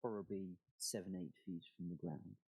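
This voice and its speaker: A man narrating a tabletop fantasy game as game master, with deliberate delivery and dramatic pauses. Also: low-pitched, vocal fry, husky, phone-quality sound.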